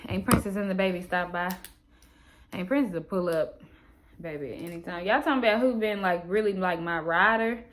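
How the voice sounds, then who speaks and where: An American woman vlogs casually, reading from her own journal and talking in a candid, expressive, slangy way. Her voice is fairly low-pitched and her pace is moderate.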